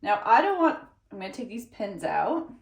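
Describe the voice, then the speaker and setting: A woman's voice: medium pitch, big pitch swings, normal speed, vocal fry, echoey room. A woman sewing at home, thinking aloud in a casual, unsure way and trailing off. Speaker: sewing vlogger. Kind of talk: casual muttering while sewing.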